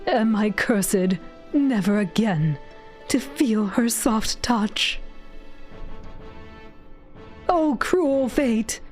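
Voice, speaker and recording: Woman playing pompous old stage king, slow and grand. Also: a little high, animated, faint music behind. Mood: grieving. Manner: archaic, grandly theatrical.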